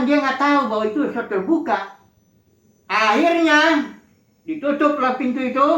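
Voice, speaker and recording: Woman preaching in an echoey room. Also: fairly high pitch. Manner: expressive storytelling, acting out quoted cries. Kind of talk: sermon. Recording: echoey room, dull lo-fi sound.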